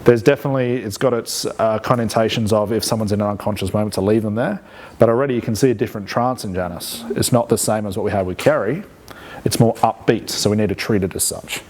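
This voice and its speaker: A hypnosis instructor leads a live demonstration, explaining conversationally and checking in with rhetorical questions. He talks fast in a lowish, darkish voice.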